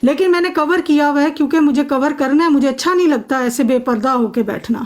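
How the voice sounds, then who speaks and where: A woman on a phone live stream arguing emphatically, insisting the other person listen to her. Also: high-pitched. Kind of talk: heated live-stream argument.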